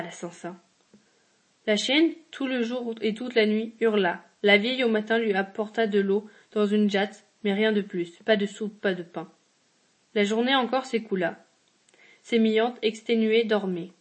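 Woman reading a short story, fairly high voice. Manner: measured reading with occasional slips and restarts. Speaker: reader.

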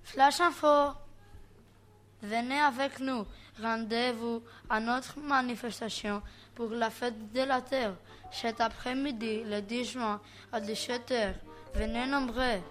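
A student playing a journalist in a school radio play, reading in a careful, deliberate way. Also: female voice, fairly high pitch, fairly even intonation, a bit bright, faint music behind.

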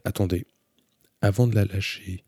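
A man voicing a polite young woman who calls out loudly from far above, asking questions. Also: low-pitched, steady tone, normal speed, slightly rough, no room sound, clean studio sound. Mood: questioning. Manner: raised, calling out from far above.

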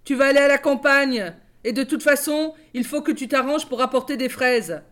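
A woman's voice: sits high, big pitch swings, unhurried, pitched above the performer's own voice. A woman voicing a cruel stepmother who barks orders in a curt, scolding tone. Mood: harsh.

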